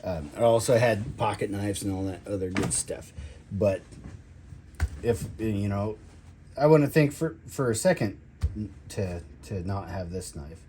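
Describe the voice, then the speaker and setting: A man giving a casual, rambling gear review in a halting way, drawing out his words and trailing off. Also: on the low side, mellow, a little hiss or hum. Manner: halting, drawn-out delivery with trailing phrases. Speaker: product reviewer, military veteran.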